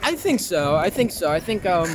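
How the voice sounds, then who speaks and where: In a casual street interview in a city park, a young adult performer from Long Island, New York, sounds high-pitched and very animated at a normal speed. He swears freely, says "like" constantly, and pokes fun at himself. Traffic noise is clearly audible in the outdoor recording.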